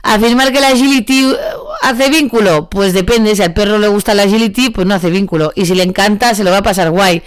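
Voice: mid-range voice, fairly even intonation, brisk, clear, resonant tone, dry recording, clean studio sound. A dog trainer with a Spain Spanish accent giving casual spoken advice to a student, chatty and thinking aloud, often correcting itself.

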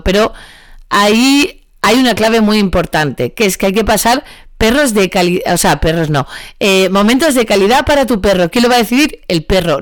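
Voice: medium pitch, no echo, clean studio sound. A dog trainer with a Spain Spanish accent giving casual spoken advice to a student, chatty and thinking aloud, often correcting itself.

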